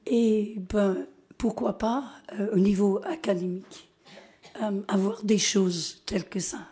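Here a Scottish woman, invited as a guest speaker, talks informally in French with her Scottish accent. Her mid-range voice is steady and warm, but as a native English speaker she falters, frequently reaching for the right word in her second language.

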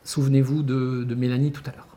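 A man delivers a conference lecture on classroom research with a mellow, rounded tone. He speaks emphatically and keeps posing rhetorical questions to his audience of teachers. His pitch sits at an ordinary middle height. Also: level tone, a little fast. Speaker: education researcher addressing teachers.

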